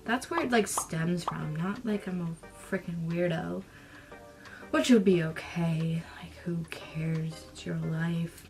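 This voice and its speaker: A young woman talks her way through a makeup look in an unhurried, chatty vlog voice, with a gravelly edge of vocal fry under her words. She slips into whispers every so often, and music plays behind her. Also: lowish voice, darkish tone. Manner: chatty, drifting into whispers now and then. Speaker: beauty vlogger. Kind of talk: casual makeup vlog chat.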